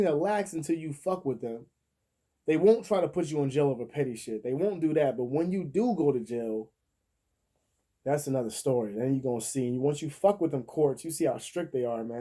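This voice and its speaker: Guy in his 30s telling a story, cussing and laughing a lot, super dark mellow voice. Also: mid-range voice, fairly quick. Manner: profane, laughs often, acts out the people he quotes. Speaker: vlogger. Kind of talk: casual storytelling.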